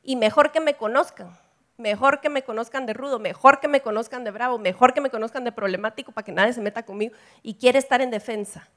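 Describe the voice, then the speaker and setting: A middle-aged woman with a Central American Spanish accent, preaching a lively sermon and acting out family dialogue. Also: a little high, fast talker. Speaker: preacher at a women's gathering.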